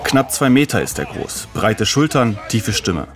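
A man's voice: fairly low pitch, very animated, a little slow. A man narrating a scripted radio documentary as a reporter.

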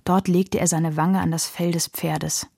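Husky low woman telling a story. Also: level tone, measured pace, mellow, no room sound, clean studio sound. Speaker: narrator. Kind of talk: audiobook narration.

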